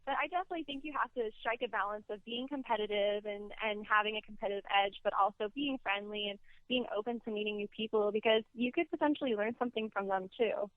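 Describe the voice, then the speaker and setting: A woman's voice: mid-range voice, fast talker, no room sound. Poised young American woman, phone-like sound. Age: young adult. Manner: poised, upbeat pageant-style answers. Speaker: pageant contestant being interviewed. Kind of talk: interview answers. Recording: narrow radio or telephone-like sound.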